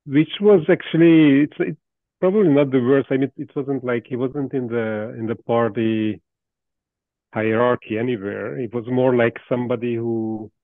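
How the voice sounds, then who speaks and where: A man's voice: mid-range voice, steady tone, dry recording. Hungarian-accented man on a tinny line. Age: 50s. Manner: thoughtful, halting, many restarts and soft laughs. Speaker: AI researcher, guest. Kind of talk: casual interview talk. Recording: dry tinny call audio.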